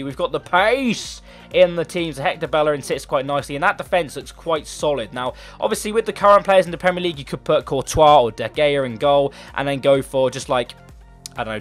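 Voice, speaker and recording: A young man with a sore throat rambles enthusiastically about football players for his gaming channel, faint music playing behind him. His voice is on the high side and fairly bright.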